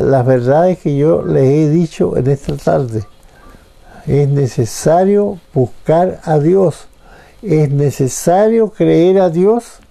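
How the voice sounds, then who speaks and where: A male pastor, retelling a Bible story on the radio in a halting way, often repeating words and lifting his voice for the quoted speakers. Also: on the high side, gravelly, warm tone.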